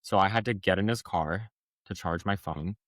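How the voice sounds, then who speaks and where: A man's voice: low-pitched, moderate pace, a bit bright, no echo. A man speaking as a podcast guest, telling a personal story frankly in a rambling way, with many restarts. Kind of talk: personal testimony in an interview.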